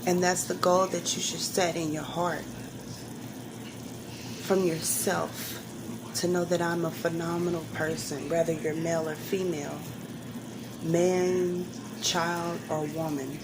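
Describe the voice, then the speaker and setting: A woman's voice: lowish voice, level tone, slow pace. A woman talking casually and earnestly to viewers, giving motivational advice with emphatic, repeated phrasing. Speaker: home cook and hairstylist giving motivational advice. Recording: clearly noisy room ambience.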